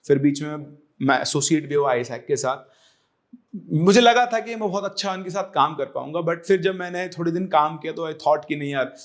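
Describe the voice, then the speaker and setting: A young man and coaching teacher explaining a career decision to viewers, earnest and reassuring, slipping English phrases in. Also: sits high. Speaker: online exam coaching teacher.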